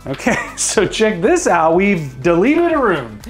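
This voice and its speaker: A man's voice: high voice, wildly swooping pitch, measured pace, soft background music. Man, 30s, house-flip host; casual, explanatory walkthrough, lapel mic in a renovation site. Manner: easygoing, explanatory. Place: house under renovation, indoors.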